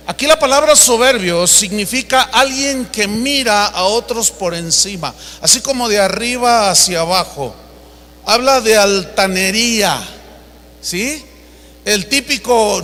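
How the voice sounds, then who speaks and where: A man's voice: sits high, pushed and bright, long reverb tail. A man preaching a sermon, telling stories and speaking emphatically and directly to his congregation.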